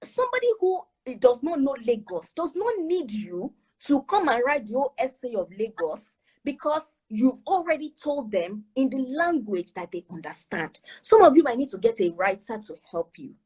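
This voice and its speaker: A Nigerian woman gives admissions advice in an online talk. Her voice sits slightly high and has a husky edge. She speaks emphatically and keeps asking her listeners rhetorical questions. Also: very animated, normal speed, a little mellow.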